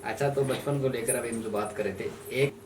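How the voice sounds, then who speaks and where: A man's voice: mid-range voice, fairly even intonation, fairly quick. A man hosting a podcast, asking questions and teasing his guest with jokes. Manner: encouraging, jokey prompts. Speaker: podcast host. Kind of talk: casual interview chat. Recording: echoey room, mic at a distance, audible noise.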